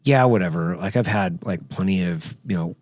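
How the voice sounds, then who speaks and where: A man's voice: deep voice, moderate pace, darkish tone, no room sound, studio quality. A man in his forties hosting a podcast, rambling and swearing casually as he chats. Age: 40s. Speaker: podcast host. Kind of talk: casual chat.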